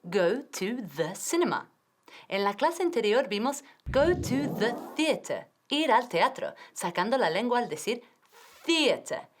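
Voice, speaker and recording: Lively woman teaching English. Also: a little high, a little slow, music in the background. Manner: clear, drilling pronunciation, switching between Spanish and English. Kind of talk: TV language lesson.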